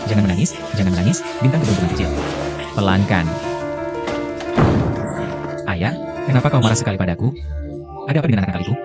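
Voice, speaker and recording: A worried grown son, voiced by a man in a dubbed TV drama, coaxing and soothing. His voice sits low and moves quickly with lively rises and falls. Music is clear behind him.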